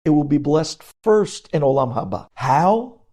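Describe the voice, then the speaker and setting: With a fairly high, mellow voice, a rabbi speaks a little slowly but animatedly. He teaches religious law emphatically, asking questions and then answering them.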